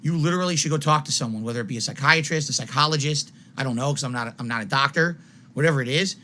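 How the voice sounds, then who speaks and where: A man on a live stream in a wild, unhinged rant. His voice is forceful, sharp and somewhat high. He is exasperated and confrontational, hammering points over and over and swearing for emphasis. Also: rapid-fire, slight background noise. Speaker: video game live streamer.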